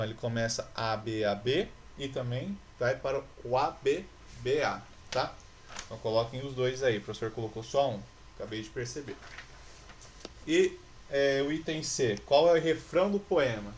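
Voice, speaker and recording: A man's voice: mid-range voice, normal speed, a little hiss or hum. A male teacher with a Brazilian Portuguese accent, reading a poem aloud and patiently explaining it in a recorded class. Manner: patient, explanatory, often checks in with students.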